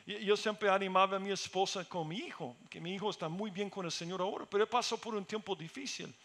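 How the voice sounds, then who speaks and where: A man's voice: high-pitched, quick pace, fairly bright tone. A middle-aged man preaching a sermon in Spanish as a pastor, earnest and building to emphatic peaks.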